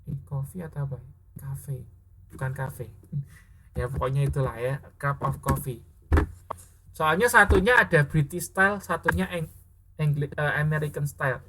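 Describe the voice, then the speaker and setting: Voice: medium pitch, a bit bright, slight background noise. An English teacher in a casual classroom explanation, often stopping to check understanding and correcting themself mid-sentence. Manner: keeps checking understanding with tag questions; mixes spoken English example sentences into explanation.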